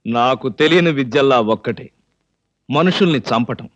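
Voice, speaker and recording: An actor playing a mischievous, flirty husband in a film comedy, quick with cheeky wisecracks. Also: male voice, medium pitch, no echo, lo-fi sound, natural voice. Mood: deadpan. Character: flirty, glib, mischievous middle-aged husband. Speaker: comic lead husband. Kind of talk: 1990s film comedy acting.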